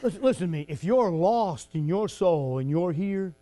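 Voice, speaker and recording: Here the preacher moves at a moderate pace, expressive throughout. His folksy sermon mixes jokes and chuckles with shouting at its climaxes.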